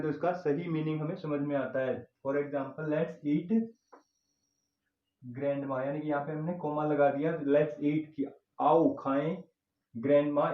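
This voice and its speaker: A man teaching a grammar lesson in Hindi and English, dictating slowly as he writes on a board, with an Indian English accent. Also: a little high. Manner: slow dictation while writing on a board, switching between Hindi and English. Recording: echoey room, dull lo-fi sound.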